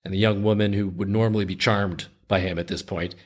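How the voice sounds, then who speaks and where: A man's voice: lowish voice, steady tone, a little fast. A man hosting a podcast, casually retelling a story in a conversational way with frequent restarts. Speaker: podcast host.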